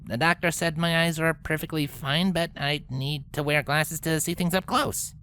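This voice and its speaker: In a fan-fiction story reading, a woman acts the part of a brash, sulky young female cartoon pegasus who grumbles in cocky slang, casual and stubborn. Her voice is low and fairly bright, with fairly even intonation at a normal speed.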